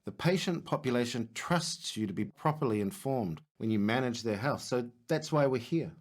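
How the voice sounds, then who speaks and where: A man's voice: medium pitch, expressive, moderate pace, natural voice. An actor playing a male clinical researcher giving an earnest, lecturing workshop introduction. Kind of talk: scripted presentation.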